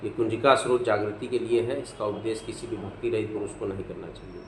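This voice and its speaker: Low-voiced man giving a devotional talk. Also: steady tone, brisk, reverberant, a little hiss or hum, low-quality recording. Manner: earnest, exhorting listeners, rhythmic chanting of sacred names. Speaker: devotional speaker. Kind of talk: devotional talk with mantra recitation.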